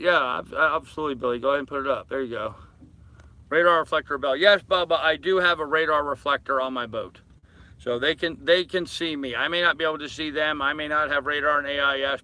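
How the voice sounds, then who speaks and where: Hosting a live stream from an anchored boat, an older man chats casually and rambles as he reads comments, responds, and speaks to viewers familiarly. His medium-pitched voice is pushed and bright, and the audio quality is poor.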